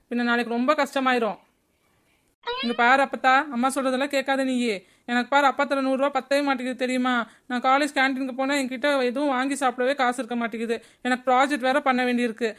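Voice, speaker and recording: A woman's voice: high voice, a bit bright, clear, resonant tone. A woman voicing the mother and the college-age granddaughter in a cartoon, chatty and pleading. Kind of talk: cartoon voice acting.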